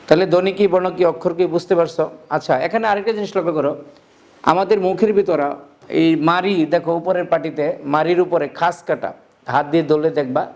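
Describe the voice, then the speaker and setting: A man's voice: on the high side, a little mellow. A male teacher giving a grammar lesson, breaking phrases into single words, repeating them and quizzing the listener.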